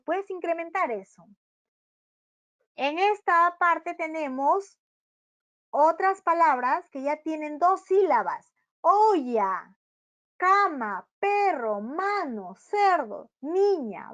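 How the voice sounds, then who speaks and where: A woman from Peru giving a patient, step-by-step early-childhood education webinar, slowly sounding out words for parents. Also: high voice, fairly bright tone. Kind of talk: instructional webinar talk. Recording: dull lo-fi webinar audio.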